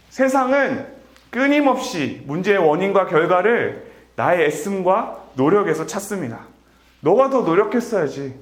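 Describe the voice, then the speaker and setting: A man in his thirties giving a sermon, earnest and emphatic, rising to strong peaks and dropping to soft, gentle lines. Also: high voice. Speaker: preacher. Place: church sanctuary. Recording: echoey church hall.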